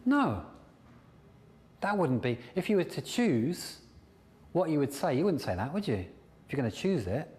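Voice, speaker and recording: A man from England giving a lively self-development seminar, slipping into silly put-on voices to make his points. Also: on the high side, normal speed, long pauses. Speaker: NLP trainer. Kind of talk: seminar talk to an audience. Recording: long hall reverb.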